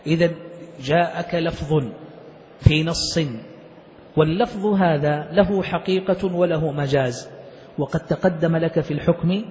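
Guy teaching a jurisprudence class, higher voice, asks his students questions, dull lo-fi recording with long reverb. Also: darkish tone. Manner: explains step by step, posing questions to students. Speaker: sheikh teaching Islamic jurisprudence. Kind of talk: classical Arabic lecture explaining a text.

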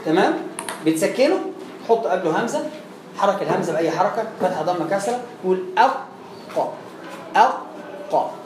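A man with an Egyptian Arabic accent gives a chatty, explanatory Quran recitation lesson, sounding out letters and repeating words. He speaks briskly and expressively in a high voice, pausing often. There's a roomy echo and faint background noise.

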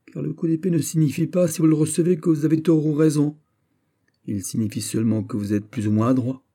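A man voicing a proud, menacing English duke who speaks forcefully and challengingly, in a storybook reading. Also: fairly high pitch, steady tone, a little fast, voice pushed up. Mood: lecturing.

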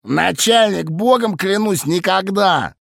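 Brief: cowering drunk lowlifes, voiced by a man, pleading and slurring, bone-dry audiobook sound. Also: expressive, slow pace, vocal fry, a bit bright, no room sound, full character voice. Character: drunk, cowering petty male crooks.

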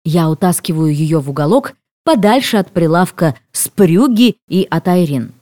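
Expressive woman narrator for a first-person comic novel, animated, dry and close. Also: fairly low pitch, normal speed, dry recording. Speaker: audiobook narrator.

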